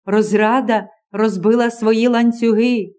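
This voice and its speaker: A woman reading the part of a gentle, patient young woman in an audiobook, calm and coaxing. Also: a little high, measured pace, close to an everyday voice.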